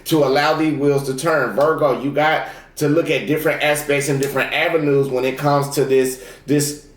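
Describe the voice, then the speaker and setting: A man gives a casual tarot reading, speaking directly to his viewers and repeating affirmations and warnings in a folksy way. His voice is fairly high and steady, delivered at normal speed in a reverberant space.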